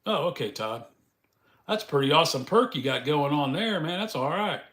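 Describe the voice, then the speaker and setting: A man's voice: on the high side, lively intonation, moderate pace, a bit bright, reverberant. A man hosting a casual live stream, chatting in a folksy way with the viewers and laughing often.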